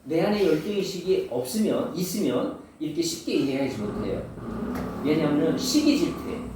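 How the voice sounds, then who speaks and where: A man's voice: a little high, very animated, moderate pace, darkish tone, a little hiss or hum. A male pastor giving a sermon to students. He asks many rhetorical questions and acts out the voices he quotes. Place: large room at a boarding school. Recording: very echoey room, mic far off.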